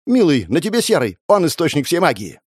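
A man voicing a brave young female spear fighter who shouts commands in a high, strained voice. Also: takes it slowly, breathy edge, no echo, studio quality. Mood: urging.

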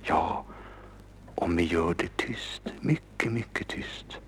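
A man voicing a small, playful male creature in a storybook reading, talking softly and cheekily. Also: medium pitch, sing-song, a little hiss or hum, close to an everyday voice. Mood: whispering.

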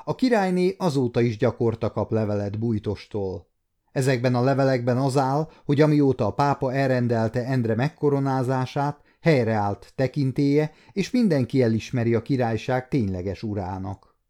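A man in his fifties reading a historical novel aloud as an audiobook narrator, steady and measured. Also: medium pitch. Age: 50s.

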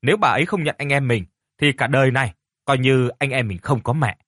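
A man's voice: mid-range voice, a little fast, fairly bright tone, dry recording, clean studio sound, natural voice. A man voicing a defiant poor village boy, the older brother, speaking bluntly in a storybook reading. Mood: determined. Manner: blunt, indignant.

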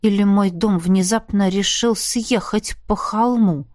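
A woman reading a first-person fantasy novel aloud in a steady, even storytelling voice, close to the mic. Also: mid-range voice, unhurried, no room sound. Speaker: audiobook narrator.

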